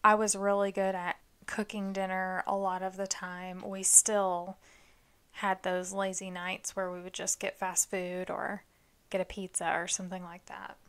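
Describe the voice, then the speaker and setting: A woman with a mid-range voice hosts a relaxed podcast. She talks in an easy, playful way and laughs often. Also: medium pitch, measured pace, smooth. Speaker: podcast host. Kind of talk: casual chat.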